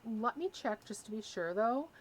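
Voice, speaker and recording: A woman doing casual let's-play commentary, reading choices aloud and thinking out loud. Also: on the high side, animated, normal speed, very noisy. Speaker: gaming streamer playing a dating game.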